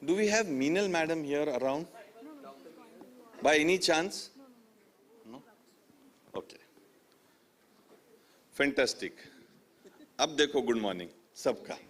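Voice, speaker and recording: Male event host, Indian accent, fairly high voice, mixes English with Hindi, repeats himself to move people along. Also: expressive, measured pace, long pauses, fairly bright tone. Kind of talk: live event announcing, switching between English and Hindi. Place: conference stage with audience.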